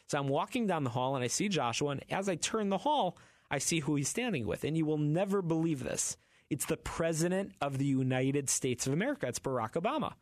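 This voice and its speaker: Man hosting a lively radio talk show. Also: fairly high pitch, a little fast, no room sound. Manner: lively storyteller acting out quotes.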